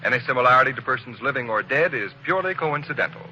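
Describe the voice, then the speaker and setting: A male announcer reading a formal disclaimer in a crisp, formal manner. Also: mid-range voice, animated, rapid-fire, highs cut off, slight background noise.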